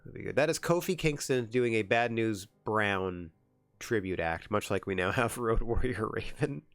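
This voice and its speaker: Young male streamer, gravelly, bouncy pitch, chatty self-talk, faint music behind. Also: animated, moderate pace, dry recording. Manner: chatty, giggly, talks to himself while deciding. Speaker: game streamer. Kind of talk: casual gameplay commentary.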